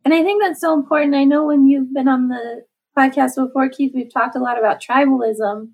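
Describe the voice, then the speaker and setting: A woman with a husky, creaky voice, reflecting casually in conversation. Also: sits high, steady tone, fairly quick, narrow, tinny audio.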